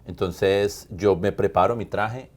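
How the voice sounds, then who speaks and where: A man with a very low, deep voice recounts a personal testimony in an earnest, emphatic way. He speaks as a pastor in conversation, repeating phrases for weight. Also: fairly even intonation, slow pace.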